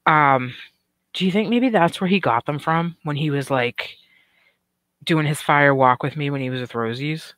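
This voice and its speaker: A woman's voice: low-pitched, moderate pace, a bit bright, no room sound. A middle-aged woman hosting a casual livestream, rambling and swearing with lots of fillers while chatting with viewers, and she has the hiccups. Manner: rambling and profane, with many "um" and "like" fillers. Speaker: livestream commentary host. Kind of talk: casual livestream chat, reading viewer comments.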